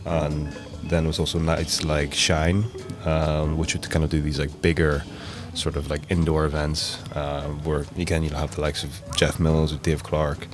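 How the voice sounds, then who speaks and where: This guest, a thirty-something DJ and producer from Belfast in Northern Ireland, has a very deep voice and talks at normal speed with few pauses. He rambles in a relaxed way, using many fillers, while music plays under the interview.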